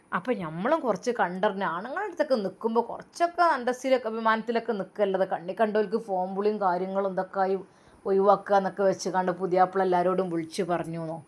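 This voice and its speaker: A woman with a Malappuram Malayalam accent voicing a nosy, judgmental older neighbour woman in a low, heavy voice. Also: close to an everyday voice. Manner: nosy, moralizing, spreading rumours.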